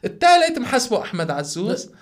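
Fast-talking man with Syrian Arabic accent. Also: very high-pitched, huge pitch swings. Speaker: podcast guest. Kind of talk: conversational personal storytelling.

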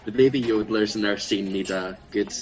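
A man's voice: on the low side, brisk, rough recording. A man from Scotland, a podcast guest in an improvised comedy chat, playful and self-mocking with hesitant fillers.

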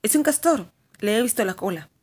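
A woman doing steady eldest brother Peter. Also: a little high, fairly quick, breathy edge.

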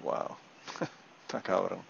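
A man's voice: takes it slowly, dull audio. Frank man hosting a podcast. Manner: frank, swears casually, reflective. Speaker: podcast host. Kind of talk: candid interview chat.

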